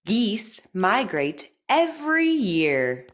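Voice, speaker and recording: In this clip, a female speech teacher over-enunciates practice sentences during an articulation drill, sounding careful, deliberate and encouraging. Her voice sits at medium pitch and moves through big swings.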